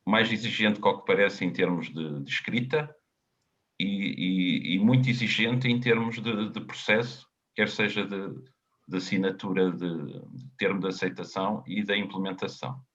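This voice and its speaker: A man with a European Portuguese accent, a consultant answering webinar questions in a halting, explanatory way, often repeating words. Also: low-pitched, fairly bright tone. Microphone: video call. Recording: dull lo-fi webinar audio.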